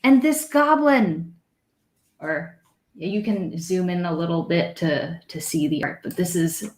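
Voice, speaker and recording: A woman narrating as dungeon master in an unhurried, descriptive way, with small self-corrections. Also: mid-range voice. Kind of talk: narrating a tabletop game. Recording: echoey room.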